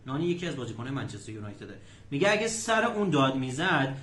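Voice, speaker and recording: Male teacher with a bright voice, recorded in an echoey room, drilling English phrases slowly before explaining them. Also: on the high side. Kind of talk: language lesson explaining a clip.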